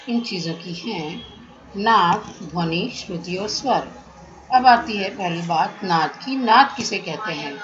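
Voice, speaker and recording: A woman teaching a music theory class, explaining terms step by step in a measured lecture. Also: medium pitch, muffled recording.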